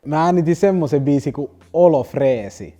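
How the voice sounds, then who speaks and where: A man's voice: a little high, lively intonation, mellow. A young man, a rapper telling stories in a loose, rambling interview. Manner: loose, rambling slang-heavy telling with restarts. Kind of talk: casual storytelling interview.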